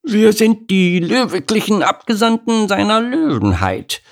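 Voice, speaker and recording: Man doing a high, haughty female animal, bossy and pompous, storybook voice, gravelly undertone. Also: big pitch swings, measured pace, heavily acted. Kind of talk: audiobook character voice.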